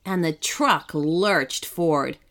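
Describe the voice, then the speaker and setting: A woman narrating a children's story in an expressive, animated storybook reading. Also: sits low, slow.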